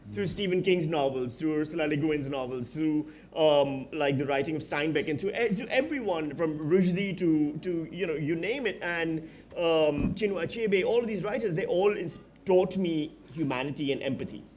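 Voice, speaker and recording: A man's voice: on the high side, normal speed, darkish tone. A man in his forties from Pakistan, speaking as a panelist at a live festival discussion, reflective and frank with dry asides. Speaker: panelist, writer and comedian. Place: festival stage before an audience.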